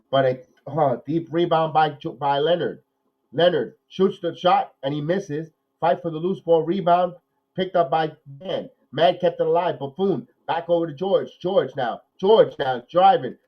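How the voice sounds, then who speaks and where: Stuffed up with a cold, a male podcast host leads a live watch-along, calling the plays with excitement and then repeating himself a lot as he analyzes. His voice is on the high side, and the recording's highs are cut off.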